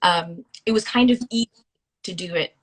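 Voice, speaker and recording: A woman's voice: on the low side, moderate pace, crowd noise, low-quality recording. A woman in her thirties, raised in Singapore, chatting as a guest in a casual interview with many fillers and restarts. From India, raised in Singapore. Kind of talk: casual interview over a phone call.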